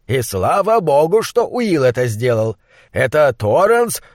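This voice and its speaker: A man voicing an old Austrian mentor who speaks in a measured, placating way. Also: on the high side, very animated, dry recording, studio quality. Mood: soothing.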